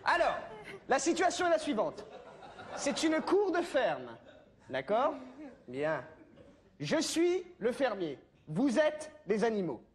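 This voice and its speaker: A shrill, fussy therapy leader. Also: male voice, wildly swooping pitch, slow, pauses often, exaggerated voice. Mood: chirpy. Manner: shrill, sing-song, scolding. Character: fussy, excitable male therapy group leader. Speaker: drama therapy group leader. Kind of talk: sketch comedy acting. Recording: audience laughter and background noise.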